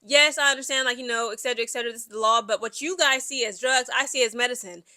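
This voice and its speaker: A woman's voice: a little high, fast talker, pushed and bright. A woman vlogger giving blunt, emphatic opinion commentary, stretching out and repeating words for emphasis.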